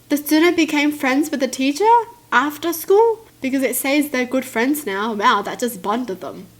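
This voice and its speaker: A woman reading stories aloud and commenting on them casually, with an animated, exclamatory and indignant manner. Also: on the high side. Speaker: video host reading stories and reacting.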